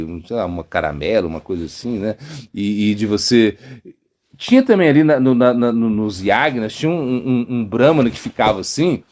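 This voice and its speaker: A man with a Brazilian Portuguese accent, a monk giving an informal devotional talk, halting often with fillers and tag questions. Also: lowish voice. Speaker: monk teaching a devotional lecture.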